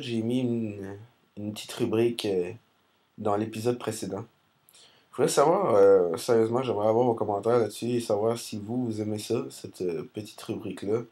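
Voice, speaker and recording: A man's voice: on the low side, a little mellow. A man with a Québécois accent giving rambling, hesitant commentary over recorded gameplay. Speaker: gaming commentator.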